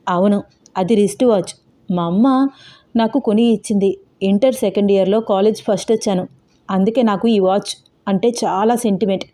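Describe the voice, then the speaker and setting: A woman narrates an audio romance story as the host of her own channel. Her voice is mellow and warm, and she speaks the characters' lines in the same voice as the narration. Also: mid-range voice, fairly even intonation, normal speed, long pauses.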